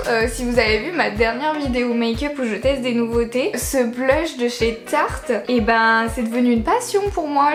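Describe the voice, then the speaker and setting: A young woman chatting casually through a makeup challenge, unsure of herself and poking fun at her own attempts. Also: high voice. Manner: chatty, unsure, self-mocking. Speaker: beauty vlogger. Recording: echoey room with faint music.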